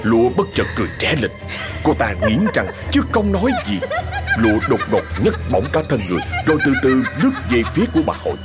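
A man's voice: medium pitch, quick pace, loud music behind the voice. A man narrating a ghost story dramatically. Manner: dramatic, expressive.

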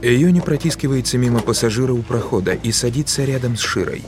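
Guy narrating a film for audio description, mid voice, loud music underneath. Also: medium pitch, fast. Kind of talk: scripted narration.

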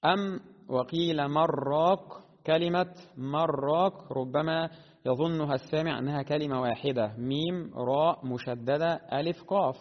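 A man teaching the rules of Quran recitation, explaining at a deliberate pace and slowing to chant the verses melodically. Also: a little high. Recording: dull lo-fi sound with long reverb.

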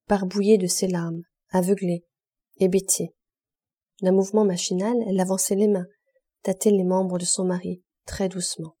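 A woman narrating a classic novel as an audiobook reader, measured and expressive in short phrases. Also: fairly low pitch, breathy edge. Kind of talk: scripted literary narration.

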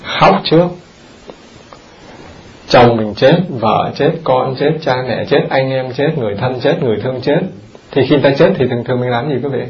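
Gravelly monk giving an animated sermon. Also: male voice, medium pitch, moderate pace, dull audio. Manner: animated, questions the audience often. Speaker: Buddhist monk teaching. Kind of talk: dharma talk sermon. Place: temple hall.

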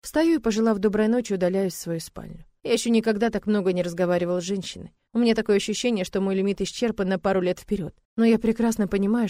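A woman reading a novel aloud in scripted first-person narration, steady and even. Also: mid-range voice, no room sound. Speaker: audiobook narrator.

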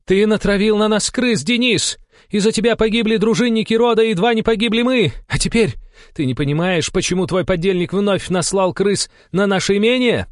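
A man voicing a cold, commanding noble countess in an audiobook, speaking in an icy, measured way. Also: high voice, dry recording, studio quality, voice pushed up, lightly acted. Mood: furious.

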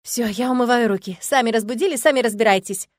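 A woman's voice: high voice, brisk, darkish tone, no echo, studio quality, voice pushed up, close to an everyday voice. A woman voicing a young mother who teases and grumbles in a reproachful, mock-scolding way. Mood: grumbling.

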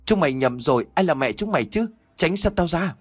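A man voicing a frightened young woman who shouts at ghost children to go away, her voice rising in fear. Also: medium pitch, expressive, normal speed, breathy edge, no room sound. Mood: shrill, angry.

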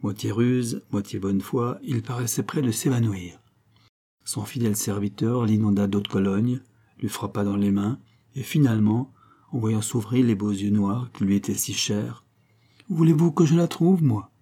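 Man narrating an old novel, low husky voice, steady reading. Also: normal speed. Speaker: audiobook narrator. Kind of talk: scripted narration.

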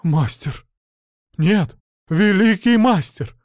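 A man's voice: on the high side, animated, moderate pace, mellow, dry recording, studio quality. A man doing a gushing, groveling young bard. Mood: pleading. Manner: gushing, pleading.

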